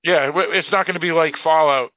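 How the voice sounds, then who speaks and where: Talking briskly in a fairly high voice, this Boston-accented man from the Boston area, United States, co-hosts a laid-back podcast. He explains things in a meandering, hedging manner; there's no echo, but the recording is dull lo-fi podcast audio.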